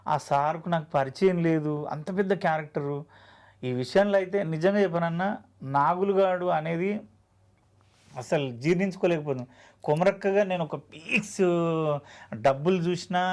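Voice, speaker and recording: Guy, actor in an interview, earnest and emotional, voice sits a bit high. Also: darkish tone. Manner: earnest, emotional, acts out quoted dialogue.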